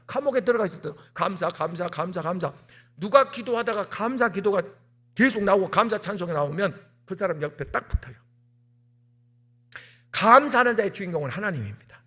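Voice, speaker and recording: A man, the senior pastor, preaching an animated sermon in a church, repeating key words and acting out stories. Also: sits high. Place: church sanctuary.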